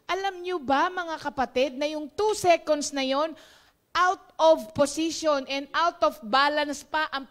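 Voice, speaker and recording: A woman's voice: high voice, a bit bright. A Filipino woman preaching in a casual, chatty devotional talk, laughing often and mixing English phrases in.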